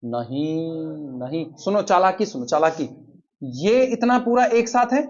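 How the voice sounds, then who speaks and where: A man teaching a math lecture, dictating steps slowly and quizzing his students as he goes. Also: high-pitched, big pitch swings, a little mellow, dull audio. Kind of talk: classroom lecture.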